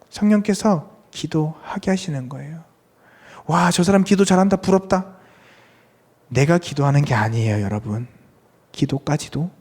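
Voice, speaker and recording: A man preaching a sermon to a young adults' service, asking the congregation questions and reading scripture aloud, swinging between fervent raised prayer and soft low speech. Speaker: pastor.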